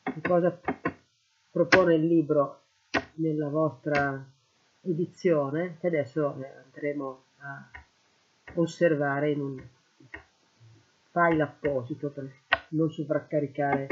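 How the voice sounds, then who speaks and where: Man, teacher, slow deliberate lecture, husky voice, tinny phone-like sound. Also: a little high, steady tone, noisy background. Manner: slow, deliberate, translating word by word. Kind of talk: lecture on Greek poetry. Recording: phone-like lo-fi audio.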